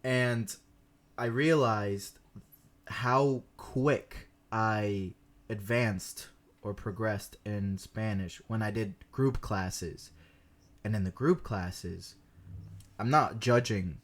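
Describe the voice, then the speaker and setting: Slow-talking bilingual man, relaxed. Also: lowish voice. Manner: relaxed, switches between English and Spanish mid-sentence; laughs often while telling stories. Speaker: podcast co-host, language learner. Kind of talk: casual bilingual chat.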